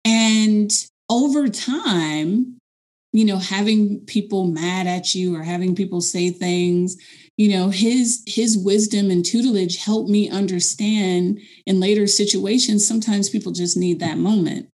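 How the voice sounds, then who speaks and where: A woman's voice: mid-range voice, measured pace, a little mellow. A woman teacher speaking earnestly and encouragingly in a reflective, conversational way, with fillers and restarts.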